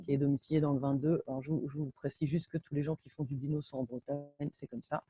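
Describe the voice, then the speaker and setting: Speaking from home in Brittany on a video call, a binaural sound engineer gives an enthusiastic, casual technical talk as a guest, often hesitating and starting sentences over. Her voice is low, mellow and slightly breathy, with quick pacing and fairly even intonation. There's no echo, just faint music behind her.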